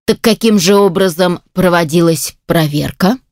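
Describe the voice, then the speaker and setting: A woman voicing a tired male judge who wants to end the hearing quickly, speaking curtly. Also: lowish voice, darkish tone, no echo, studio quality, close to an everyday voice. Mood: weary. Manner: tired, curt. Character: weary male judge eager to finish.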